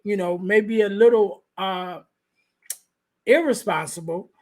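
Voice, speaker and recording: Soft-spoken and hesitant, a male podcast host with a light, high voice conducts a conversational interview. He thinks aloud through many restarts and fillers, recorded on a podcast microphone.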